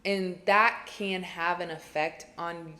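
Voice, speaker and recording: A woman's voice: lowish voice, fairly even intonation, takes it slowly, pushed and bright. A young woman in her twenties, talking to camera alone in a small room, giving earnest, chatty advice and repeating phrases for emphasis. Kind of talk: casual advice vlog to camera.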